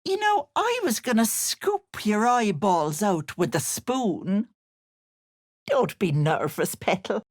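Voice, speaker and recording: A woman's voice: mid-range voice, sing-song, slow, no echo, clean studio sound. A woman playing a sly, wicked old hag in a video game, posing as a sweet auntie, with cloying endearments laid over gloating menace. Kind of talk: video game character voice acting.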